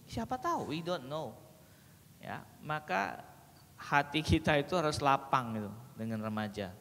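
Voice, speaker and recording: A man speaks a little slowly, his pitch fairly high, as he gives a lively seminar talk at a parenting sharing session. He's an animated storyteller, humorously acting out dialogues for the audience in a reverberant hall with faint background noise.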